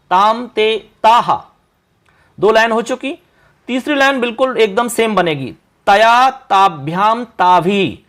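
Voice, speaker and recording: A male teacher giving an exam-prep lesson, reciting word forms one by one in a slow drawn-out chant and explaining how to remember them. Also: high-pitched, fairly bright tone.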